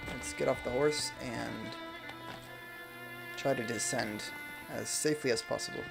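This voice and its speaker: In his home room, a young adult streamer speaks into a desk mic, chatting casually and reading viewer comments softly with self-deprecating humor. His medium-pitched, gravelly voice is unhurried with fairly even intonation, and game music plays in the background.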